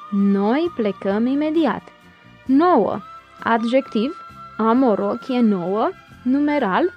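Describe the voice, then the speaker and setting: A woman's voice: on the high side, muffled recording. A woman reading a scripted grammar lesson aloud, going through word pairs one by one like a teacher. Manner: reads word pairs in a slow list.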